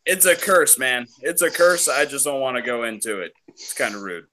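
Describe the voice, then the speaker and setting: A man's voice: mid-range voice, normal speed, pushed and bright. A man co-hosting a casual podcast, teasing the others in a wry way. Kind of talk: casual chat.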